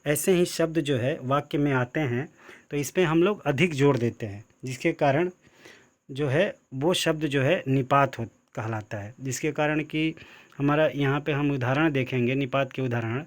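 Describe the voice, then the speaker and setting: A man teaching an online grammar lesson, explaining slowly and repeating himself, stressing the key example words. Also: fairly high pitch.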